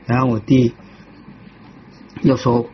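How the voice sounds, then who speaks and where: A man giving a personal testimony in a halting way, often restarting and repeating himself. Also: mid-range voice, monotone, dull audio, slight background noise. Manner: halting, with many restarts and repetitions. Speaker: devotee telling his life story.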